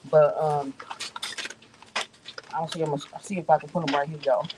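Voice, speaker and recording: A woman's voice: low voice, steady tone, unhurried, noisy background. A woman vlogging outdoors, chatting casually to her viewers with lots of fillers and easy laughs. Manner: rambling, laughs often, many fillers. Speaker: vlogger host.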